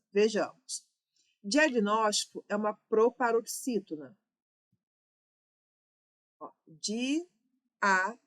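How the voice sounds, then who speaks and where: A woman with a Brazilian Portuguese accent teaching an exam-prep grammar lesson, explaining answers step by step and checking in with her students. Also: mid-range voice.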